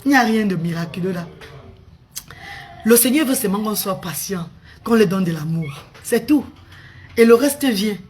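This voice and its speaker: Woman, live-stream host, mid pitch, affectionate repetitive delivery, faint room noise. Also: lively intonation, normal speed, long pauses, a little mellow. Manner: repeats words, calls viewers pet names. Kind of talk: casual live-stream talk to viewers.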